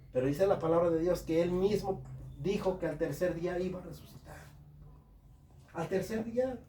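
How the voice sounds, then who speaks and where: Fervent preacher in echoey room. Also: male voice, high-pitched, warm tone, a little hiss or hum. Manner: fervent, addresses listeners as brothers. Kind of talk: sermon. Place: home service room. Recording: echoey room, from far off, faint ambience.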